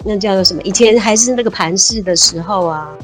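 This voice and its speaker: A woman with a mid-range voice talks briskly over soft background music. As a guest in a relaxed interview, this Taiwanese civil servant in her 50s is lively, laughs easily, and uses many fillers.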